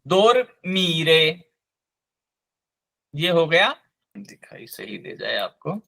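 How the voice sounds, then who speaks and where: Slow, patient male language teacher. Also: a little high, pushed and bright. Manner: slow, patient spelling out of sounds. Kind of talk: online class lesson.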